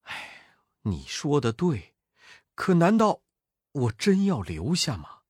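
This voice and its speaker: A man voicing a gentle, anxious elderly male monk who talks low and softly. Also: wildly swooping pitch, takes it slowly, slightly rough, dry recording, clean studio sound, exaggerated voice. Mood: fretful. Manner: low, soft, fretting.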